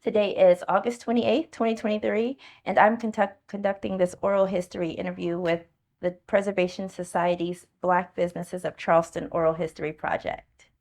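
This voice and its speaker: A woman's voice: fairly low pitch, little pitch movement, brisk, a little mellow. A woman conducting an oral history interview, asking prepared questions.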